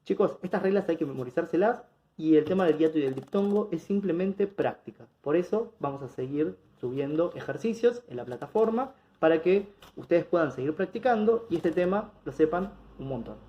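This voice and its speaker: A man's voice: on the high side, expressive, a little fast. A man teaching an online grammar lesson, explaining step by step and often checking in with his students. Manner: patient, explanatory, checks in with students with rhetorical questions. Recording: dull lo-fi recording.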